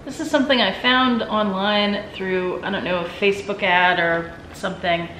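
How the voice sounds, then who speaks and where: Opening gifts at home, a female vlog host keeps up a casual chat. Her mid-range voice holds a steady, fairly bright tone at a moderate pace. The large room adds echo, and background noise is noticeable.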